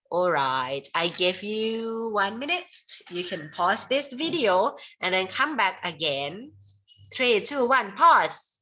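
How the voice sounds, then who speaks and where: Slow, bright-voiced Thai woman teacher. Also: on the low side, muffled recording. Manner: switches between Thai and slow, clearly spelled-out English, calls viewers "child". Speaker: English teacher. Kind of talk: online English lesson for children.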